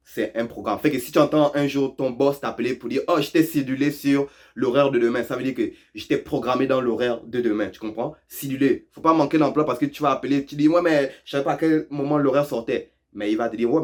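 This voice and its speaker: A man's voice: medium pitch, darkish tone. A man hosting a casual lesson on local expressions, playful and teasing, who laughs often and repeats phrases for effect. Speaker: YouTube host explaining Quebec French expressions.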